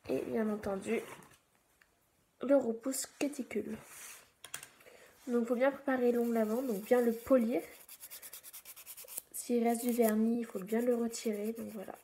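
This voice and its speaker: A woman talks through a nail tutorial in a casual, chatty way, dropping fillers and the odd whispered aside. Her voice sits a little high. Faint noise runs under the close recording. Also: steady tone, unhurried, pauses often, dark tone. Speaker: beauty vlogger.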